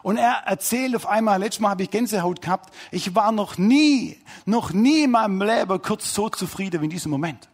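Husky pastor telling a lively story. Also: male voice, sits high, moderate pace, few pauses. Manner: lively, colloquial, animated storytelling. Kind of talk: storytelling sermon.

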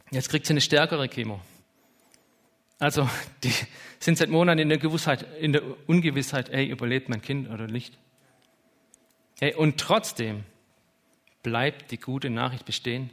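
A man's voice: medium pitch, a bit bright. A man in his thirties preaching a sermon in an informal, heartfelt way, peppering his talk with interjections. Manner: informal, emotional, with lots of "hey" and "ja".

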